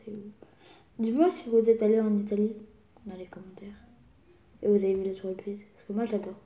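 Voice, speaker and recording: A young woman from France chats through a casual show-and-tell vlog, excitable and slipping now and then into whispers. Her voice sits fairly high with a mellow tone. The room around her is echoey. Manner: chatty, excitable, drops into whispers. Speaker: vlogger.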